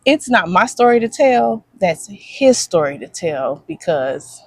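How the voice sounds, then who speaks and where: A woman's voice: mid-range voice, big pitch swings, unhurried, no room sound. A woman in a casual chat, telling how she met her partner.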